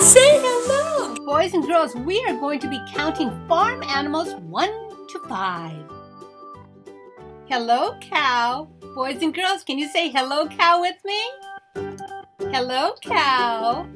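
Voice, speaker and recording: A woman's voice: sits high, a bit bright. A woman speaking as a kids show host, addressing young children in a sing-song way and getting them to repeat after her. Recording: children's music behind the voice. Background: children's music.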